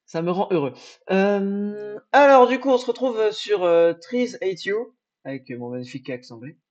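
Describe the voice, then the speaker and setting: A man's voice: high voice, lively intonation, moderate pace. Jokey male streamer with bursty outbursts. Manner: jokey, swings from muttering to sudden loud outbursts, swears. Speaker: live streamer. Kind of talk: casual game live stream. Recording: dull lo-fi stream audio with faint game music.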